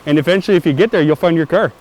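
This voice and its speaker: Man playing an awkward, fast-talking field reporter. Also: on the high side, natural voice, rough recording. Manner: halting, repetitive, flat-footed. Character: awkward, rambling male field correspondent. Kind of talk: parody live field report.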